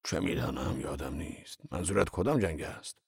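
Brief: man reading as a passionate old laborer, gravelly and husky, raised and scornful, audiobook. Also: a bass voice, dry recording, clean studio sound, exaggerated voice. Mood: gruff. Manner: loud, scornful, heated outbursts. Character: fiery old male laborer, blunt and passionate.

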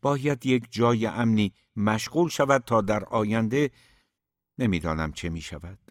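A man reading an audiobook, voicing a calm, fatherly older uncle who teases gently. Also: fairly low pitch, no echo, studio quality, close to an everyday voice.

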